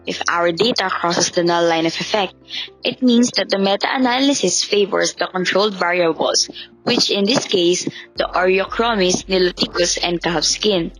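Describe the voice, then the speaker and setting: A woman's voice: lowish voice, normal speed, a bit bright, poor audio. A woman giving a scripted, infomercial-style explanation of student research findings. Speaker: student presenter. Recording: background music under the voice.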